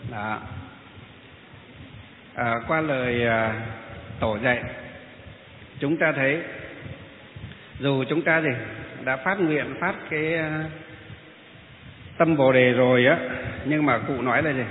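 A man with a Northern Vietnamese accent gives a Buddhist dharma lecture, speaking slowly and haltingly with many drawn-out fillers. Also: medium pitch, slight background noise. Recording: echoey hall on a tinny phone-like line.

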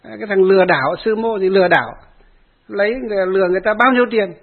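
A male Buddhist monk tells a story in a sermon, lively and talking straight to his listeners. His voice sits fairly high with a husky grain. The audio is thin and phone-like. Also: racing. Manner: animated storyteller who laughs along and addresses the audience.

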